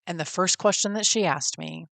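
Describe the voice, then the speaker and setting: A Texan woman in her forties hosts a podcast, telling her own story in a friendly, folksy, heartfelt manner. Her voice is on the low side with a fairly bright tone and some vocal fry, at a moderate pace, and the recording is dry.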